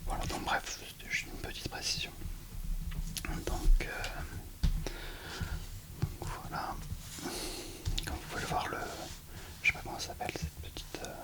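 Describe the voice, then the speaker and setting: Speaking close to the microphone, an ASMR creator presents a book in a whisper, with a hesitant, self-deprecating manner.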